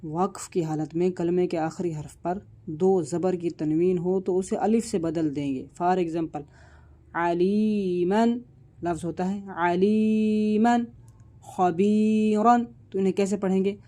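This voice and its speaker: A man's voice: high-pitched, steady tone, normal speed, warm tone. A man teaching Quran recitation in an online tajweed lesson, explaining patiently and stretching out each example word as he recites it.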